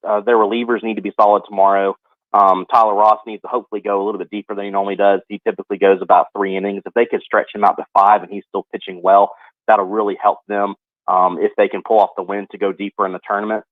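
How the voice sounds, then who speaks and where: A man calls in to break down college sports on a radio show, his speech quick and full of fillers. His voice sits a little low and arrives dry. The phone line makes it tinny and narrow. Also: no echo. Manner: fast, filler-heavy analysis with many "you know" and "um". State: coughing from allergies. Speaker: sports analyst guest. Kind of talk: casual sports radio talk.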